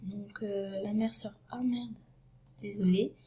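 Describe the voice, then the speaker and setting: A vlogger with a cold retells a story while setting out her props, casual and unscripted. Her medium-pitched voice is fairly even and slow; she stumbles, restarts, leans on fillers, and keeps drifting into a hushed, breathy half-whisper.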